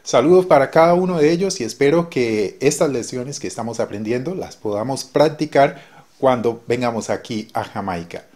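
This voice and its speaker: A man giving a casual language lesson, friendly, explaining slowly with spoken examples. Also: mid-range voice, lively intonation, darkish tone. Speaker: language teacher. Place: based in Jamaica.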